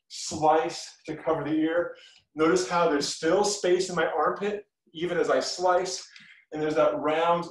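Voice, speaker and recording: A middle-aged man teaching a live kung fu class, giving short instructional commands and encouraging feedback. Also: on the high side. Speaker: martial arts instructor. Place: medium-sized living room, indoors. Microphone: camera across the room. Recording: roomy echo, distant mic.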